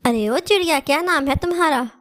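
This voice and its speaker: A scheming auntie bird in a cartoon who coaxes and plots, played by a woman. The voice is high and sly, and the tone is wheedling. She talks in a sugary but plotting way. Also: animated, brisk, fairly bright tone. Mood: coaxing. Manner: sly, coaxing.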